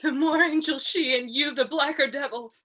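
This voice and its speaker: A woman's voice: sits high, moderate pace, pushed and bright. A woman playing a loyal, outspoken maidservant, impassioned and declamatory, in a Shakespearean tragedy reading. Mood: defiant fury. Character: loyal, outspoken, fiery maidservant to a murdered lady. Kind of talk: Shakespearean tragedy cold read.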